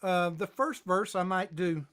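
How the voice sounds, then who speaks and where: A man teaching a ukulele lesson on a live stream, talking in a relaxed way while he plays and calls out tempos. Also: high-pitched, unhurried, over loud music. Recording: loud ukulele playing under the voice.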